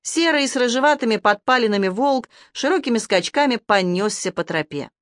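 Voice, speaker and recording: A woman reading an audiobook as narrator in steady storytelling. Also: on the high side, fairly quick, dry recording, clean studio sound. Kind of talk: scripted narration.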